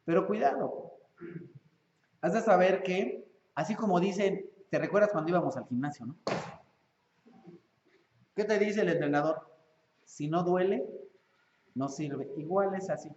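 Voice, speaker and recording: A man with a Mexican accent preaching a sermon as pastor, animated and acting out parents and children. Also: high-pitched, slight background noise. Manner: animated, acts out parents and children in quick voices. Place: church. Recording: echoey lo-fi church hall recording.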